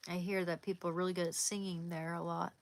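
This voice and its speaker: Talking fast with a flat delivery, this woman has a voice on the low side. She hosts a casual livestream from Oregon, USA, reading comments and answering viewers by name as she chats easily.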